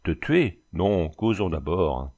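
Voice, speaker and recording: A man's voice: low voice, big pitch swings, takes it slowly, darkish tone, voice pushed down, exaggerated voice. A man reading a storybook voices a tall, cold bandit chief with a Flemish accent, speaking in a smiling, sing-song, commanding way. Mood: coolly threatening.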